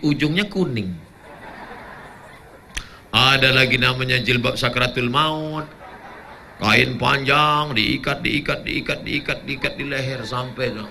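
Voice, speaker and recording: Gravelly, bright-voiced joking preacher man. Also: mid-range voice, a little hiss or hum. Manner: animated, jokey, breaks into chanted Arabic and shouts. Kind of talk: humorous sermon.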